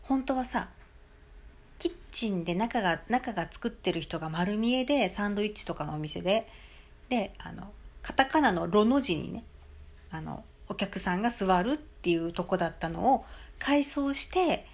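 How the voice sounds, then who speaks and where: A woman's voice: mid-range voice, lively intonation, normal speed. Chatty middle-aged woman with a lilt. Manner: chatty storytelling with many fillers. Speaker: podcast host. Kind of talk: casual solo talk.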